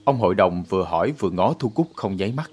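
A man reading a story aloud with steady, measured narration. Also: sits low, slightly rough, faint music behind.

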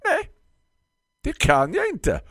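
A man's voice: very high voice, huge pitch swings, a bit bright, no echo, studio quality, voice pushed up, heavily acted. A man voicing a grumpy middle-aged woman florist who snaps and huffs impatiently. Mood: smug, dismissive. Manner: snappish, huffing and impatient.

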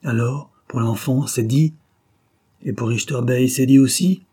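A man's voice: medium pitch, unhurried, warm tone, breathy edge. A man reading a desperate pleading father. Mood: urgent. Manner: urgent, impassioned. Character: desperate young father pleading for his child.

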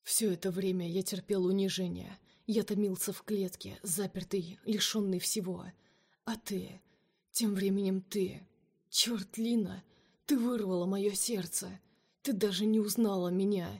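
A woman's voice: mid-range voice, fairly even intonation, measured pace, darkish tone, husky. A woman voicing a bitter, jealous man who speaks in a cold, cutting way. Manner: cold, cutting, at times hissed.

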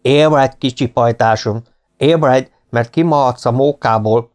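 Guy doing a cocky legionnaire marquis, teasing and amused, voice pushed way up high, storybook reading. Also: a little mellow, close to an everyday voice. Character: cocky, mocking young male legionnaire marquis.

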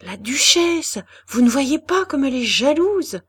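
A woman's voice: high-pitched, very animated, unhurried, a bit bright, voice pushed up, full character voice. A woman reading the part of a tender, sensitive young wife in a storybook, speaking in a pleading way. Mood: sorrowful.

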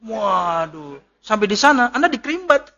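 A male preacher talks in a loose, joking lecture style and laughs at his own jokes. His voice sits high and bright. The recording sounds dull and lo-fi. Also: sing-song, unhurried. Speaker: ustadz, Islamic preacher. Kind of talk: casual religious lecture with Q&A.

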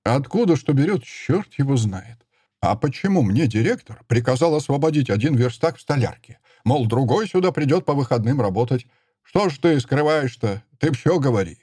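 A man reading an audiobook voices a seventy-year-old mischievous drunk carpenter with a creaky, querulous, nagging voice. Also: medium pitch, animated, normal speed, warm tone, no echo, clean studio sound, pitched above the performer's own voice. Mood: suspicious, pushy. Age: 70s. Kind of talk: audiobook character voice.

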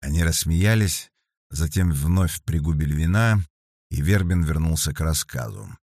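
A man narrating an audiobook in an even, storytelling manner. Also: a bass voice, moderate pace, no room sound, studio quality. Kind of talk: scripted narration.

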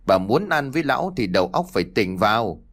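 A man playing a stern middle-aged village father who scolds gruffly in a low voice. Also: big pitch swings, fairly quick, a bit bright. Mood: gruff scolding.

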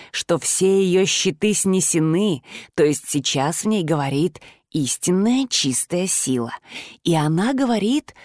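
A woman voicing a soft-spoken, menacing male master who can change his shape, in a storybook reading. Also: lowish voice, no room sound, studio quality. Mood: insinuating. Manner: quiet, insinuating, slow.

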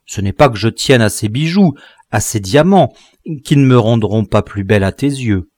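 A man reading the part of an eager, tender young bride in an audiobook, in a gentle, affectionate tone. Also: fairly low pitch, lively intonation, moderate pace, no echo, clean studio sound.

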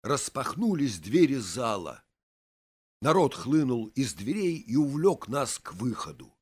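A man narrating a children's audiobook, acting out the boys' lines with high shouts. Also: very animated, measured pace, slightly rough. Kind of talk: children's story reading.

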